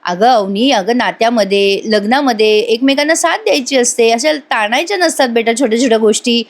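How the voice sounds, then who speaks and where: A woman voicing an older father who gently lectures his daughter, in a retold TV serial. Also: on the high side, a little fast, lightly acted. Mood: coaxing. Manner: coaxing, lecturing.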